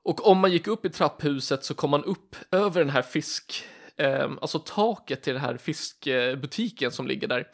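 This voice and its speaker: A man's voice: on the high side, hardly any pauses. A young man telling a rambling story in casual chat, full of fillers.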